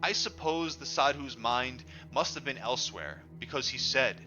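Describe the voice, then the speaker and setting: A man reads a book aloud as dramatic first-person narration, his mid-range voice animated, bright and forceful at a moderate pace. He stretches the words he emphasizes in a theatrical, audiobook style. Music runs behind the dull, lo-fi sound.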